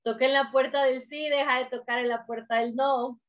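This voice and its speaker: A woman preacher delivering a sermon, emphatic, swinging from hushed to loud, on a dull lo-fi recording. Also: high voice, fairly even intonation, normal speed.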